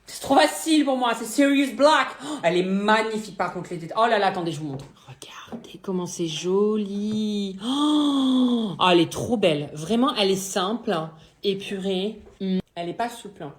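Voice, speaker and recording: A young woman doing a comic unboxing vlog, crude and excitable, swinging between loud and soft. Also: mid-range voice, fairly quick. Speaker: YouTuber.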